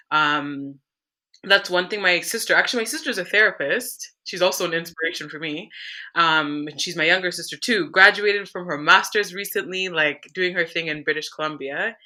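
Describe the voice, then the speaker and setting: A woman's voice: on the low side, pushed and bright. A young woman from Canada, a podcast guest telling her story in an earnest, reflective way. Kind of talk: candid conversational interview.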